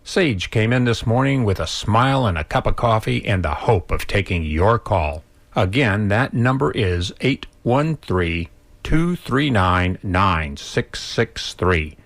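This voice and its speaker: A man's voice: fairly low pitch, expressive, slow, gravelly, fairly bright tone, dry recording. A man introducing a radio show as its announcer, with folksy, old-time 1920s slang in a scripted style.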